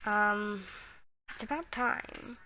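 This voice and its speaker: A woman giving casual gameplay commentary, halting and deliberate, narrating each step as she goes. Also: mid-range voice, sharp tone, slight background noise, poor audio. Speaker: gameplay video maker.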